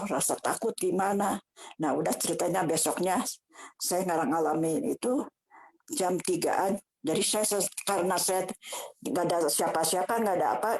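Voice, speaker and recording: Older woman, husky voice, church testimony, halting and emotional. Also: medium pitch, a little mellow, no echo, low-quality recording. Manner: emotional, halting storytelling with many restarts. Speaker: church member giving testimony. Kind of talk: personal testimony.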